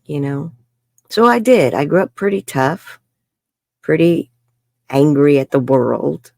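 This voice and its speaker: A New York woman in her 70s, interviewed about her life, speaks slowly in a low voice with vocal fry and a darkish tone. She is frank and talkative, laughs frequently, and says "bloody." The studio-quality audio has no echo.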